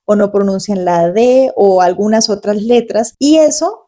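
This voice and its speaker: A Colombian woman in her forties talks straight to her viewers in a relaxed, quick flow, like a tutor sharing her experience. Her voice sits at a middling pitch and sounds warm and mellow rather than bright. She keeps an easy, conversational manner throughout. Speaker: Spanish tutor and channel host. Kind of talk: casual talk to camera.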